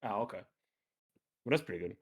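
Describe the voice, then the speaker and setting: A man chatting casually in a halting way, often repeating himself. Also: on the low side, expressive, vocal fry, slightly rough. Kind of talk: casual chat.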